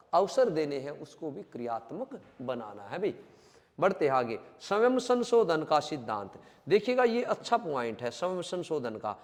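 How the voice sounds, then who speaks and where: A man with a high voice teaches a coaching class, going over each term more than once and speaking straight to his students. His voice carries a long reverb, as from a hall or large classroom. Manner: explains by repeating and restating terms, addresses students directly. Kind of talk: coaching lecture.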